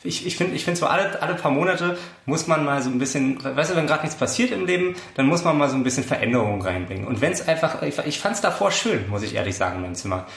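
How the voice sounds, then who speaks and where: A young man in his twenties co-hosting a podcast, talking in a rambling, ironic, deadpan way. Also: fairly high pitch, quick pace, creaky, hardly any pauses. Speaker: podcast co-host. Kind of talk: casual chat. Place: friend's flat. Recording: roomy room sound.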